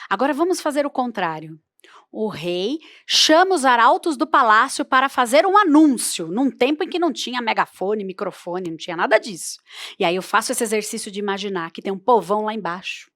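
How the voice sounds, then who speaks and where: A woman's voice: a little high, lively intonation, brisk, a bit bright, dry recording, studio quality. A woman teaching oral storytelling in a workshop, playful and demonstrative as she varies her voice. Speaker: storytelling instructor.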